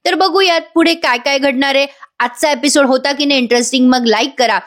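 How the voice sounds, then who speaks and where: A woman's voice: sits high, brisk, fairly bright tone. A woman hosting a chatty voice-over review of a TV serial, addressing her viewers directly.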